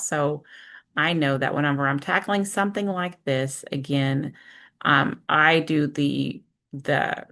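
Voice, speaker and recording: With a deep, slightly bright voice, a woman teacher gives an informal screen-share walkthrough. She talks it through conversationally one step at a time, asking herself questions and checking in as she goes.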